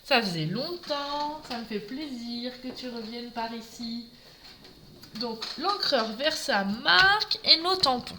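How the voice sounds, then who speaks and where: A woman with a fairly high voice runs a live craft demonstration, chatting to her viewers and talking through each step as she works. Clear background noise and clicking sounds sit behind her voice. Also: animated, takes it slowly.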